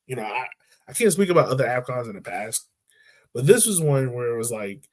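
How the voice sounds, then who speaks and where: Brisk and mid-range, this sports podcast co-host's voice has big pitch swings. He keeps it casual and chatty, his points stuffed with "like" and "right?"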